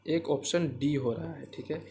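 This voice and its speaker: A man's voice: a little high, unhurried, darkish tone, slight background noise. A man teaching a math worksheet to children, patiently repeating himself and constantly asking "right?" to check they follow. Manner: addresses viewers as kids, patient and drawn out. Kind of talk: classroom-style worksheet explanation.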